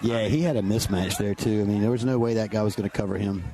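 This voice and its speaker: A man's voice: on the low side, steady tone, fast, mellow, low-quality recording. A man chatting casually as a football commentator. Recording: clear background noise.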